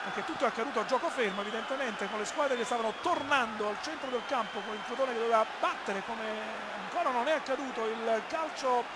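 A man commentating live on a football match in an excited, emphatic manner. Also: very high-pitched, fast, hardly any pauses. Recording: loud stadium noise behind commentary.

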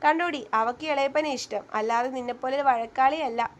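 A woman's voice: high voice, a little fast, natural voice. A woman voicing a teasing, playful young husband in a spoken story, with bantering, mock-stern lines.

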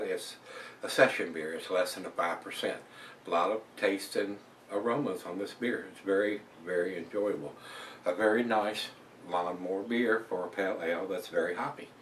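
A man's voice: fairly low pitch, a little hiss or hum. Older man reviewing beer in a roomy space. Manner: relaxed, chatty, with many fillers. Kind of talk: casual beer review vlog. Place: small room at home, indoors. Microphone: camera across the room. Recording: roomy and distant from the mic.

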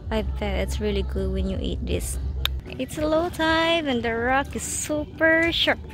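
A young woman with a Filipino accent vlogging outdoors from an action camera held at arm's length, chatting in a halting way with many fillers. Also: sits high, expressive, music in the background. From Philippines. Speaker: travel vlogger. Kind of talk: casual travel vlog. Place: outdoors on a tidal flat and on a moving scooter. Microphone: handheld action camera at arm's length.

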